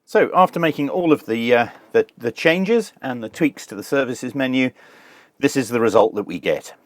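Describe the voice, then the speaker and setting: This mid-pitched male voice explains each step of a hands-on tech demo while doing it, relaxed yet measured in the manner of a review channel host. There's an animated quality to him, and the dry recording carries no room sound.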